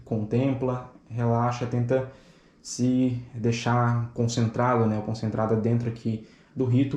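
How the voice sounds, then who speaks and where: Calm man teaching in an echoey room. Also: medium pitch. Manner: calm, patient, explains step by step with frequent "né" and "tá". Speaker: teacher of ceremonial magic. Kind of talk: spoken lesson.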